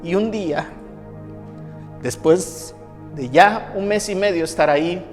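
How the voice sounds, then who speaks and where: A pastor with a high voice delivers a sermon, repeating phrases for emphasis as he tells a personal testimony. His voice rings with the long reverb of a church hall, and soft music plays faintly underneath. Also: slow. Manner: emphatic, repeats phrases for effect, acts out quoted people.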